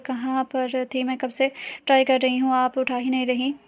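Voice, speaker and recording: A talkative young woman who rattles on and takes offense easily, as a woman narrator reads her. The voice is high and runs on a flat, narrow pitch. It is an audiobook reading rather than full acting. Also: natural voice. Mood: chatty. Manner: rapid nonstop chatter, indignant. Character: chatty, touchy young woman on the phone.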